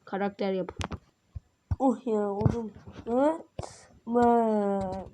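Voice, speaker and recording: Gaming host, woman, a little sick with a rough voice, mellow tone, chatty and self-conscious. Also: mid-range voice, extremely slow, slight background noise. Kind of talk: casual game commentary.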